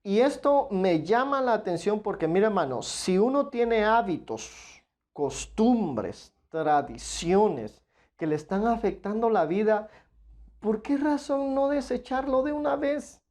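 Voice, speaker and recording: A man delivering a Bible study sermon in a warm, mellow voice. He speaks earnestly to his listeners as brothers and drives his points home with emphatic repeats. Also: high voice, expressive, measured pace. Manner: emphatic, repeats "claro de que sí". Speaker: preacher.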